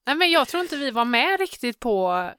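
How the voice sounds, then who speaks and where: A woman co-hosting a podcast, bantering casually and quickly with frequent backchannel. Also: high-pitched, big pitch swings, a bit bright, clean tone, no room sound, clean studio sound. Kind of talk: casual chat.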